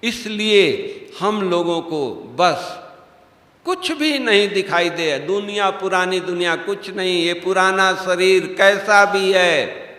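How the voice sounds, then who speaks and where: A man's voice: high-pitched, bright, forceful tone. A man giving a devotional class as a spiritual teacher, preaching emphatically with rhetorical questions. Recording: echoey hall.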